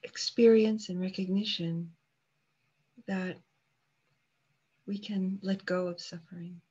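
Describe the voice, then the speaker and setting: Speaking in short phrases separated by long pauses, a female meditation teacher leads a guided practice at a calm, leisurely pace. Her mid-range voice is husky, and the recording sounds muffled.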